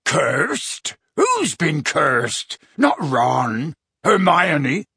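A man voicing a huge, gruff, bearded gamekeeper with a booming manner. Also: huge pitch swings, very slow, sharp tone, no room sound, clean studio sound, heavily acted.

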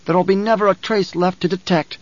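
A man's voice: high-pitched, steady tone, fairly quick, dry recording, pitched above the performer's own voice, close to an everyday voice. A man voicing a cruel, treacherous male duelist nobleman who gloats in a hissing whisper. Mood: gloating. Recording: dull, dry studio recording.

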